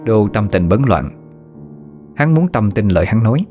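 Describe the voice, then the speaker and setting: A man reading a ghost story aloud in a steady, measured narration, over faint music. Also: fairly low pitch. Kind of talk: scripted horror story narration.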